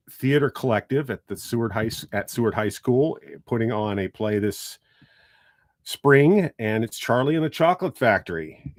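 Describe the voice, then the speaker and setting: A man in middle age hosts a small radio talk show from the studio. His voice sits low and the room sounds dry and close. He rambles, jokes and restarts his sentences as he talks with his guests. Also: no room sound. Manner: joking, rambling, with frequent restarts. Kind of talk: casual radio interview.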